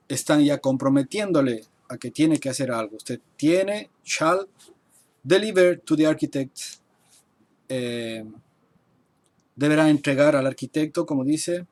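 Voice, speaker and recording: Man teaching slowly at his computer. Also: medium pitch, a little mellow. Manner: explains slowly, repeating and translating terms step by step. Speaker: architect teaching construction English. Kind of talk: live-streamed online class. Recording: faint noise and keyboard typing. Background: keyboard typing.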